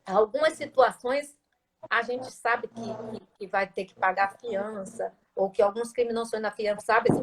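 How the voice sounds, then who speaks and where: Emphatic woman teacher, higher voice. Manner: emphatic, uses rhetorical questions and tag questions. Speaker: teacher interviewed as guest. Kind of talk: conversational explanation.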